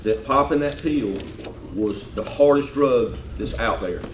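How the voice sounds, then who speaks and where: A man's voice: medium pitch, a little slow, a little hiss or hum. A man, a sheriff speaking emphatically at a club meeting and repeating himself. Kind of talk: casual talk at a club meeting. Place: meeting room. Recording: echoey room, distant mic.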